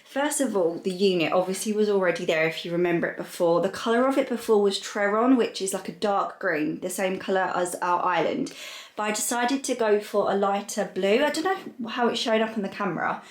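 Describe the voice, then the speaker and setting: In a casual lifestyle vlog filmed at home on a handheld camera, a young woman chats and rambles, using lots of fillers. Her voice is medium in pitch and a little fast.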